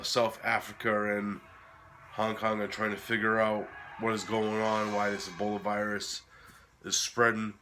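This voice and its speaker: Sick male review host, cracking voice, forceful edge, lowish pitch, casual halting delivery. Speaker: host of a horror film review series.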